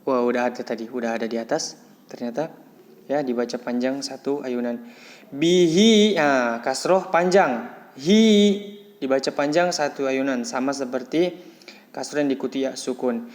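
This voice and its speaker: A man teaching Quran recitation rules patiently, breaking off to chant Arabic words slowly and louder. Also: mid-range voice, big-room sound. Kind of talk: tajwid lesson, explaining then chanting words.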